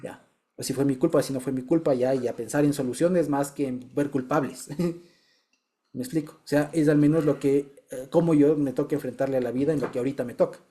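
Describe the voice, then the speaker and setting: Warm-voiced man sharing testimony. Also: medium pitch, steady tone, a little fast. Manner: chatty, repeats words and checks in with listeners. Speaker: Bible study group member. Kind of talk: casual testimony in a small group.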